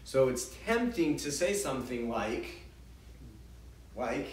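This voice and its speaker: A man's voice: mid-range voice, lively intonation, slow, a little hiss or hum. A man giving an informal parenting class to a group, talking conversationally, acting out what parents and children say and often restarting his sentences. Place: congregation hall. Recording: roomy hall, distant mic, faint ambience.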